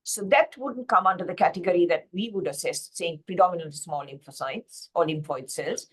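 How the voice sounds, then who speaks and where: A woman's voice: lowish voice, a little fast, breathy edge. A woman from Sri Lanka giving a slide-based pathology lecture, explaining steadily with frequent fillers and self-corrections over a video call.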